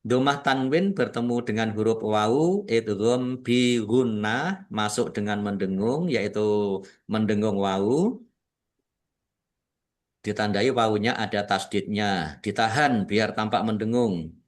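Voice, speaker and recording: A man's voice: fairly low pitch, takes it slowly. A man from Indonesia teaching Quran recitation rules, patiently explaining each rule and drawing out the words he recites. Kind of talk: tajwid lesson with slow recitation.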